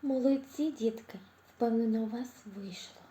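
A woman speech therapist with a Ukrainian accent giving a slow, clear lesson for small children, cheerful and encouraging, pronouncing each sound with care. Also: a little high, echoey room. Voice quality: articulates sounds with care, drawn-out vowels. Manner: drops to a whisper to show quiet sounds. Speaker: speech therapist teaching preschoolers.

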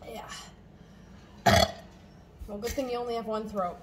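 A woman's voice: fairly high pitch, steady tone, unhurried. A woman in her thirties chatting casually during a food challenge, recorded on a phone in a home kitchen. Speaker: parent joining a hot sauce challenge. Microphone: phone propped on the counter. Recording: very noisy home video, clicks.

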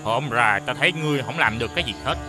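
A man's voice: medium pitch, very fast, over music, close to an everyday voice. An actor playing a stern male demon assistant from the underworld, with a formal, commanding manner. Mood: wary gruff. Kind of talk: TV fairy-tale drama acting.

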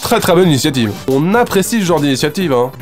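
A man's voice: a little high, big pitch swings, fast talker, over music. A man hosting a French let's play, joking, swearing and reading the game's lines aloud as he goes. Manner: profane, sarcastic, swings between mutters and outbursts. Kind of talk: casual gameplay commentary with voiced dialogue.

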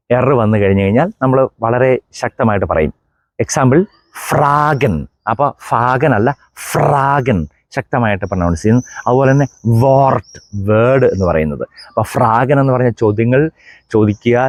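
In an explanatory German pronunciation lesson, a middle-aged priest from Kerala, India spells out contrasting sounds and slowly repeats examples. His male voice is mid-range and darkish, with no audible room sound.

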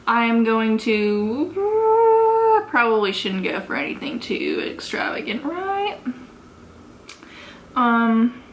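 A fairly high-pitched American woman in her 20s records a makeup tutorial in her carpeted bedroom, with slight background noise. The beauty vlogger is giggly drunk, chatting casually, rambling, and cursing without any filter.

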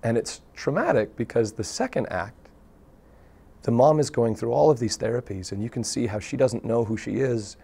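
Gravelly-voiced man, earnest storyteller. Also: medium pitch, normal speed. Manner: earnest, animated storytelling with frequent restarts. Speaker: guest, local theatre artist. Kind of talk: casual interview talk. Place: TV studio.

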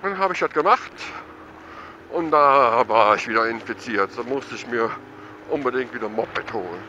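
A middle-aged man giving casual, excited running commentary while riding a motorcycle through town. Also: mid-range voice, moderate pace, dull audio, noisy background. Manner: chatty and excited, thinking aloud. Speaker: motovlogger. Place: outdoors on a motorcycle in town traffic.

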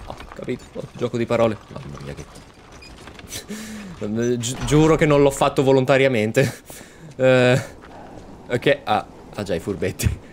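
A man hosting a let's-play, excitedly commenting on his game and chatting to viewers. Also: medium pitch, a little slow, slight background noise. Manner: excitable, exclaims often, talks to viewers. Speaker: gaming channel host.

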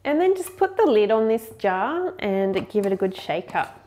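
A friendly home cook in her 30s hosts a cooking show, demonstrating a recipe step by step in a kitchen. Her mid-range, slightly mellow voice is very animated and moves at a moderate pace, and her manner is upbeat and chatty.

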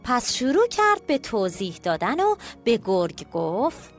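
Woman reading a kids cartoon story, singsongy and upbeat, light music behind. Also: on the high side. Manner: lively, expressive, addresses the children directly. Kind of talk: scripted children's story narration.

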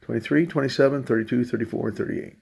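A man with a gravelly, husky voice mutters dry, sarcastic remarks as he works through scratch tickets. His talk is loose and unhurried, half to himself and half to his viewers. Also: medium pitch, darkish tone. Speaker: channel host. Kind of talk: casual running commentary while scratching lottery tickets.

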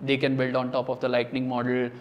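A man's voice: mid-range voice, completely flat delivery, fast talker, highs cut off, a little hiss or hum. A man, a startup founder, giving earnest explanatory interview answers with some fillers.

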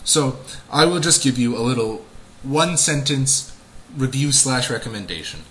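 Mid-range and a bit bright, this young man's voice has lively intonation and a measured pace. He gives an enthusiastic, chatty, emphatic audiobook review to a webcam at arm's length in a small indoor room at home, and the recording sounds rough.

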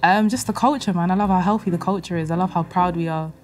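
A woman's voice: lowish voice, fast talker. A woman in her twenties from Jamaica, answering date questions in an easygoing way with short replies. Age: 20s. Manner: easygoing, short answers with frequent "you know what I mean". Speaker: speed dating contestant. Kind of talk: casual date conversation. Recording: played-back clip with music under it.

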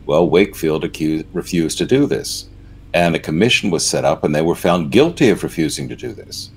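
A man, a canon on a church news panel, speaking briskly with fillers and dry sarcastic humor. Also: deep voice, lively intonation, vocal fry, breathy edge. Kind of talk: casual panel discussion.

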